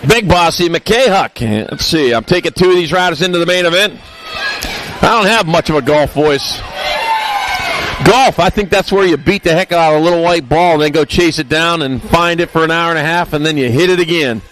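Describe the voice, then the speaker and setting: A man's voice: a little high, a bit bright, low-quality recording. A man announcing a live race, rattling off rider names and results and tossing in jokey asides. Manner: jokey asides between rapid rider call-outs.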